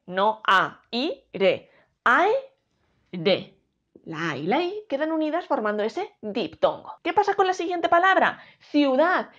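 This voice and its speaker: A woman with a Spanish accent from Spain, teaching a grammar lesson and sounding out words slowly, syllable by syllable. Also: sits high. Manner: slow, careful syllable-by-syllable demonstration. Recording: dull lo-fi recording.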